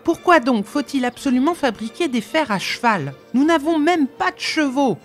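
A woman's voice: sits high, lively intonation, normal speed, faint music behind, voice pushed up. A woman reading an eager, impatient young male apprentice in a pleading, protesting storybook voice.

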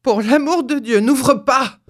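A woman's voice: high voice, slow pace, no echo, studio quality, pitched above the performer's own voice. A woman voicing a terrified old man who speaks in a strangled, trembling voice. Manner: teeth-chattering, strangled.

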